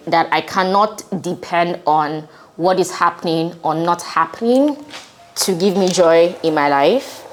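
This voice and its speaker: A woman in her twenties, hungover, talking casually and reflectively to viewers as a vlogger. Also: lowish voice. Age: 20s. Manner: informal, reflective, conversational. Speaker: vlogger and channel host. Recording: music behind the voice. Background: music.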